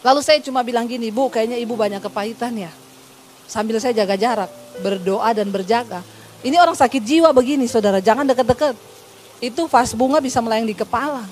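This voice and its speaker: High-voiced woman preaching with humor. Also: a little hiss or hum. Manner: lively storytelling, acting out both sides of the conversations. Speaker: pastor. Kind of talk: sermon.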